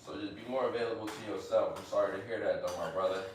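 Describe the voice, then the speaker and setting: A man in his late twenties talks casually on a live stream, offering motivational advice, repeating phrases, and saying "you know what I'm saying" as filler. His fairly low voice is steady and quick. The sound is reverberant with slight background noise.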